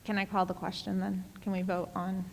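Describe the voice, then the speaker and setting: A woman's voice: mid-range voice, completely flat delivery, brisk, vocal fry. A woman speaking as a board member in a formal meeting discussion. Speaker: board member making a motion. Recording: echoey hall with faint noise.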